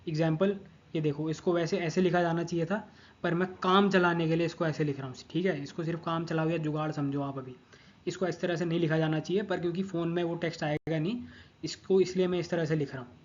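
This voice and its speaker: A patient male language teacher, walking through grammar step by step. He repeats each word over and over and keeps checking in with the listener. His voice sits a bit high, and the recording sounds slightly dull. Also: a little mellow. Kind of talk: explaining grammar over a screen of notes.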